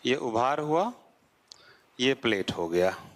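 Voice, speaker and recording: A male teacher gives a classroom geography lecture at a moderate, mid-range pitch. He keeps putting rhetorical questions to the class and answering them himself. His voice falls low as he closes off each point. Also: lively intonation, slow pace.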